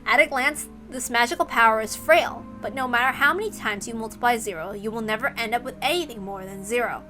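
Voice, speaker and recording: This woman talks a bit fast in a high-leaning, bright and forceful voice while streaming herself reading a visual novel. Her reading is informal, broken up by chatty comments, and music plays behind her.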